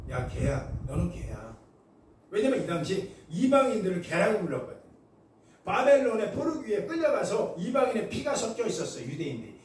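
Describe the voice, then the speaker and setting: A male pastor delivers a sermon in a high, lively voice, telling stories animatedly and acting out the people in them. He is heard from a distance in an echoey church hall, with faint noise underneath. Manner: animated storytelling, acts out voices.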